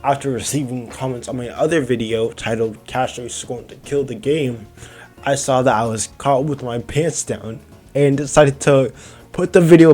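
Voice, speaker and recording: A young man making a casual video, talking fast with frequent stutters and restarts. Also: mid-range voice, darkish tone. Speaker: video creator. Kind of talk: casual vlog commentary.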